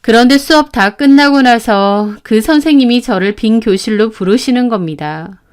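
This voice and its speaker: Smooth-voiced woman narrating a story. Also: a little high, normal speed. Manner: confiding storyteller, plain and steady. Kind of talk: scripted first-person story narration.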